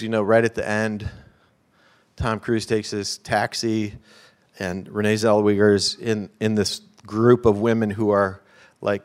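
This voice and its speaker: A man preaching a sermon as a pastor, telling stories with animated swings between loud emphatic peaks and hushed low asides.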